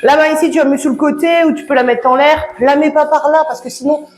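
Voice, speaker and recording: High-voiced chatty French fitness coach woman. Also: steady tone, fast. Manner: chatty, encouraging, laughs often. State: slightly out of breath. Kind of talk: home workout instruction. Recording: echoey room with background music.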